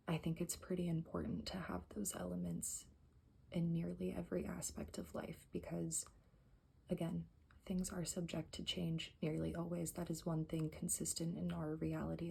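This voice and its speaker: A woman whispering softly in an ASMR style, reading aloud and rambling with self-correcting asides. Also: lowish voice, normal speed, gravelly. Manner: whispering and very soft-spoken. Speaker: ASMR creator. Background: faint music playing for plants, background hiss.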